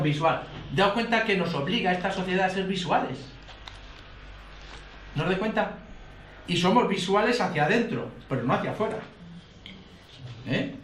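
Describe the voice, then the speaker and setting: A man's voice: high voice, a bit bright, distant mic, slight background noise. A man teaching a live workshop to a group, explaining points and checking in with frequent tag questions. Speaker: course instructor. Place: lecture room in front of an audience. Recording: roomy amateur recording from afar.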